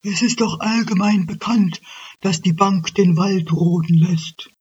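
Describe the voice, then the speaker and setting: A woman voicing a male moose neighbour in a storybook, who talks loud and lectures. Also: medium pitch, unhurried, slight background noise, lightly acted. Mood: lecturing. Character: gruff know-it-all male moose neighbour. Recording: dull lo-fi radio recording.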